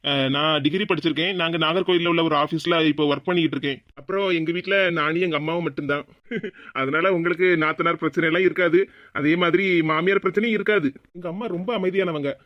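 A woman voicing a proud young office-working groom with a Kanyakumari Tamil accent in an animated cartoon. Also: lowish voice, dry recording, lo-fi sound, lightly acted. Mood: polite. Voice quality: quick, indignant.

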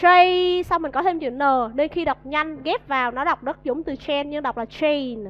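Vietnamese lady teacher, high voice, keeps quizzing the class, kinda dull lo-fi audio. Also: brisk. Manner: coaxing, questions the class and drills pronunciation. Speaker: English teacher. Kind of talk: classroom vocabulary lesson.

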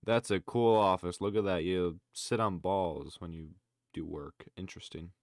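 Low-voiced young man reacting casually. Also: fairly even intonation, normal speed, no echo, clean studio sound. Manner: loose running commentary with exclamations. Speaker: reaction video creator.

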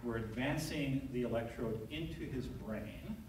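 A man's voice: medium pitch, unhurried, darkish tone, a little hiss or hum. A middle-aged man, a neurosurgeon, giving a conversational conference talk from a lectern, telling a story with frequent fillers. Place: large lecture hall, at a lectern. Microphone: audience camera from far back. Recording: very echoey hall, recorded from far off.

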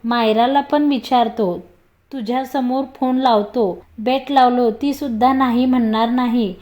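Woman reading as cocky, teasing young man; high voice. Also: fairly even intonation, a little slow, a little mellow, lightly acted. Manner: teasing, joking.

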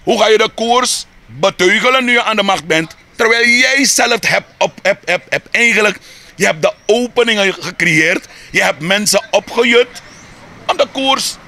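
A Surinamese man with a Surinamese Dutch accent speaks in a high, gravelly register. His tone is bright and forceful as he argues heatedly in a street interview, piling up rhetorical questions and repeating words while he builds each point. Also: lively intonation, normal speed.

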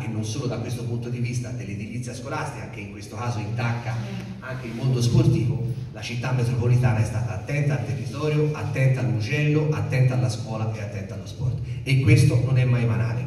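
A man's voice: mid-range voice, a little mellow, slight background noise. A man who is a local official, giving a formal speech with lists and thanks at a press event. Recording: echoey hall, mic from far off.

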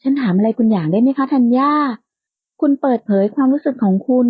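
A woman voicing a polite, soft-spoken young woman, in a lightly lo-fi, dry recording. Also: fairly high pitch, animated, fairly quick, husky, dry recording.

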